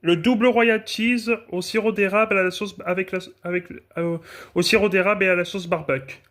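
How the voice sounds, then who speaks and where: Young French food vlogger, chatty and rambling, lightly raised pitch, self-corrects constantly. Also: male voice, steady tone, fairly quick, fairly bright tone. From France. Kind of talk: casual tasting vlog.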